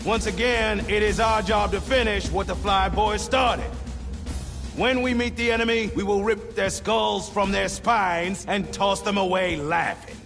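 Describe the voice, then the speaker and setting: A man's voice: high-pitched, fairly even intonation, measured pace, creaky, fairly bright tone, faint music behind, heavily acted. A man playing a brash, swaggering marine sergeant who barks orders at his troops in a video game. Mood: fierce, swaggering. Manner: barking, swaggering military commands. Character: brash, foul-tempered marine drill sergeant rallying troops. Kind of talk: video game battle dialogue.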